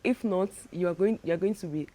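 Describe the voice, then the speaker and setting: A woman's voice: fairly low pitch, fast, dark tone. A young Nigerian woman with a Nigerian accent, talking casually to camera in a travel vlog, chatty and full of restarts. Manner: chatty, many restarts and repeated words. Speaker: travel vlogger.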